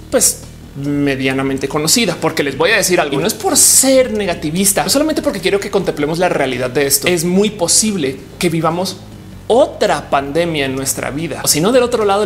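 A woman in her thirties talking to camera in an informal explainer vlog, chatty and animated, with slang fillers, recorded in a small home studio. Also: on the low side. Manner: fast, animated, with lots of hand gestures. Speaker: vlogger. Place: indoor home studio with bookshelves.

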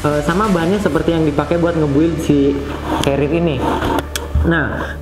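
A young man giving a casual, slangy, enthusiastic product review to camera on a lapel mic. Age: young adult. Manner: chatty, slangy, enthusiastic pitch. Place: studio with plain blue backdrop. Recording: roomy studio echo with music bed. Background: background music.

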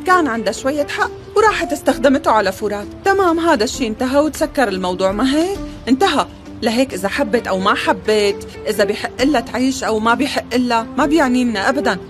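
A dubbing actress playing an outspoken middle-aged aunt, arguing in quick rhetorical bursts. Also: female voice, fairly high pitch, close to an everyday voice. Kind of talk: dubbed TV drama acting. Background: music.

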